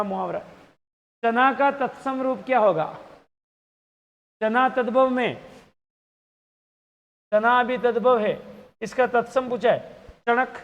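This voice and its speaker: Very high-voiced male teacher. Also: dull audio. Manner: quizzing, repeats answer options aloud. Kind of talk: exam-prep grammar lesson. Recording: long hall reverb.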